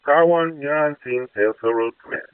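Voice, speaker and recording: A male fire dispatcher reads messages back procedurally over a two-way radio. He has a clean, medium-pitched voice that sounds distant through a tinny narrow channel. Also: fairly quick, clear, resonant tone.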